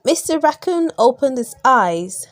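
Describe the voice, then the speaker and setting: A high-pitched woman reads children's bedtime stories aloud with lots of expression, with no echo on the recording. She stretches out key words, gasps and sighs, and asks the young listeners questions.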